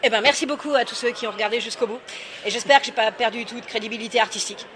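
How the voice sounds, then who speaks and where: Fast-talking, high-voiced French woman author. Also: slight background noise. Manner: lively, candid, many hesitations. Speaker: author guest. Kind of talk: casual interview answers.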